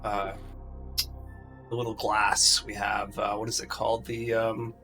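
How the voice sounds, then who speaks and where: A man playing a tabletop game casually, often pausing and searching for words. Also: fairly low pitch, completely flat delivery, sharp tone, soft background music. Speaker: player.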